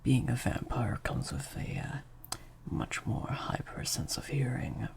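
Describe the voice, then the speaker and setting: In an intimate improvised audio roleplay, a man plays a slightly sadistic, controlling vampire master, stern and condescending, in a full character voice. His mid-range voice is sing-song, a breathy, creaky half-whisper. He speaks in a slow, deliberate, hushed way with drawn-out pauses.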